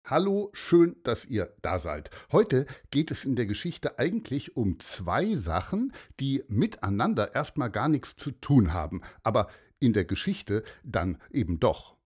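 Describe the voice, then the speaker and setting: Gemütlicher Erzähler für Kinder. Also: male voice, medium pitch, breathy edge. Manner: warm, chatty, addresses children directly. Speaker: storyteller. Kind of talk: children's story narration.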